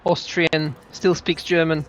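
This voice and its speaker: A man's voice: a little high, flat delivery, measured pace, a bit bright, soft background music. A man chatting casually and joking with a friend while playing a game. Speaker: gamer. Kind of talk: casual chat while gaming.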